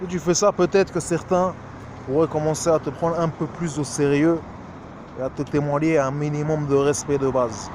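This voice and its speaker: A man's voice: fairly high pitch, fairly even intonation, moderate pace. Scornful man ranting, traffic faint behind. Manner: scornful, mocking, hesitant with many fillers. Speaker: YouTuber answering a rival. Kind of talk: direct-address rant video.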